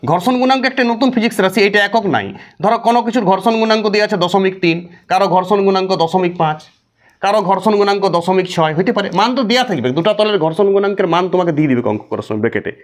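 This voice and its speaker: High-voiced man teaching physics. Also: lively intonation, fast talker. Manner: asks the class questions and answers them himself. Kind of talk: classroom lecture.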